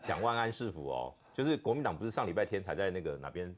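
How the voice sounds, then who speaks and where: A man's voice: sits low, big pitch swings, quick pace. A man with a Taiwanese Mandarin accent chatting about politics on a talk show, explaining at length with repeated starts. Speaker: political commentator.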